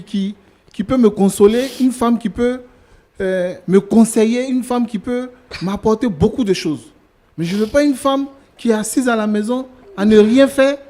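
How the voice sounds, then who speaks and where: A man plays a worn-out husband who has had enough of his wife. His voice sits high for a man, and he repeats himself with insistent, exasperated complaints. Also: darkish tone. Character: fed-up husband leaving his wife for the maid. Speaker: husband in a staged couple-counseling show.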